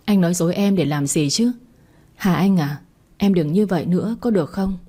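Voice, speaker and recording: A woman voicing a gentle young man who speaks in a soothing, coaxing way. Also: on the low side, moderate pace, slightly rough.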